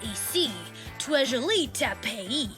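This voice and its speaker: In a cartoon, a polite little English exchange student stumbles through French in short, broken phrases. The voice sits high and swoops widely, while the words come out slowly and carefully. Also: female voice, expressive, music in the background. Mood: politely halting.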